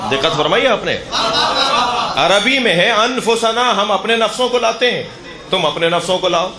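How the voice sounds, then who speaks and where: A religious scholar giving a sermon in a challenging, mocking way, laughing often. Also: male voice, high voice, animated, reverberant, heavy background noise. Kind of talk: debating sermon.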